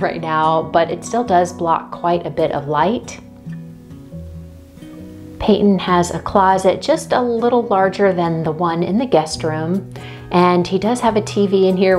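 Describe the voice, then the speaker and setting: Woman, home tour voice-over, homey and unhurried, soft music underneath. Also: on the low side. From Texas. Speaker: home vlogger. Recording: faint background music.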